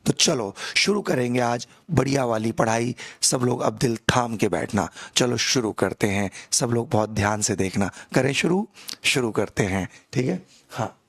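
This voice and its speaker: A man, hoarse from a throat infection, teaching a live online chemistry class slowly and coaxingly, calling students "beta". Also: medium pitch, lively intonation, a bit bright. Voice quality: gravelly, echoing double voice. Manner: slow, coaxing, calls students "beta", laughs at himself.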